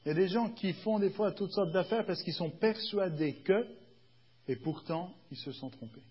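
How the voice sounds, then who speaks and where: Un homme qui prêche un sermon sur un ton de conversation et qui demande souvent à l'assemblée si elle le suit. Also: male voice, high-pitched, normal speed, breathy edge, highs cut off. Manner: conversational, often checks the congregation is following; acts out little dialogues with shifts of tone. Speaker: preacher. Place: church.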